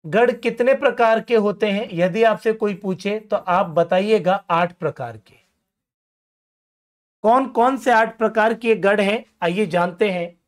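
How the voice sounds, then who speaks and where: A man's voice: high voice, unhurried. A man teaching grammar for an exam, calling his students friends and asking questions he then answers himself, with self-mocking asides. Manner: self-deprecating joking asides. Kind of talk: exam-prep lesson.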